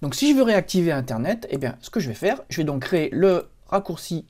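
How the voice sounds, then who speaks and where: A man's voice: fairly high pitch, big pitch swings, fast, a little mellow. A man hosting a computer tutorial, explaining each step on screen in a chatty way with many fillers. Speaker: computer help tutorial host. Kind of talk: screen-recorded software tutorial.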